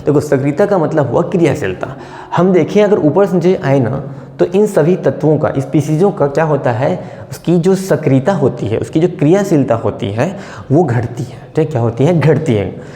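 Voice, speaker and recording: A male chemistry teacher gives a whiteboard lecture, slowly repeating key terms as he writes and checking in with his students. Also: a little high, animated, dark tone. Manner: checks in with "ठीक है". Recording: echoey room with long reverb.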